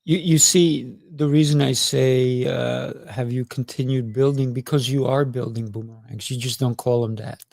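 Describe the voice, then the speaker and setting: A gravelly, mid-range voice with fairly even intonation belongs to a middle-aged man hosting a conversational podcast interview. He talks at a moderate pace with few pauses, warmly encouraging with frequent affirmations, and there's no room sound.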